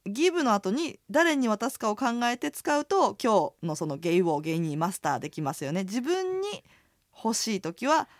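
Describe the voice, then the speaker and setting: A woman co-hosting a radio language lesson, explaining words in a lively way. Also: mid-range voice, normal speed, no echo, clean studio sound.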